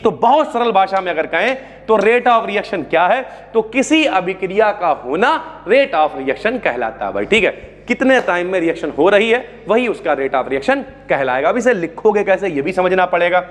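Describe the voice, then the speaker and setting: High-voiced chatty chemistry teacher. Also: male voice. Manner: chatty, calls students brother, asks and answers own questions. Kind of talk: classroom lecture. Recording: long hall reverb.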